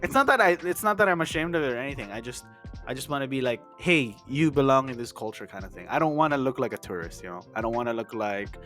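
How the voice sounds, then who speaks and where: Man from Canada, casual podcast chat, animated storyteller, faint music behind. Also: mid-range voice, very fast. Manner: chatty storyteller, acts out quotes. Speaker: podcast co-host.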